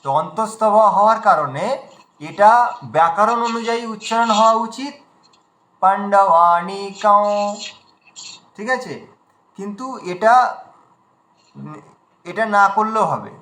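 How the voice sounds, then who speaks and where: Patient male recitation teacher on a video call, high and bright, slow demonstrations, echoey room. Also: expressive. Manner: patient, repeats words very slowly to demonstrate; often checks understanding with a question. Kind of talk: online class teaching.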